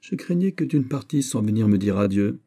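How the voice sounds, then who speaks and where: A male reader voicing a vain, excitable young prince in an audiobook. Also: fairly low pitch, brisk, pitched above the performer's own voice. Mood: petulant. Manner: fussy, excitable, self-admiring. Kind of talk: audiobook character reading.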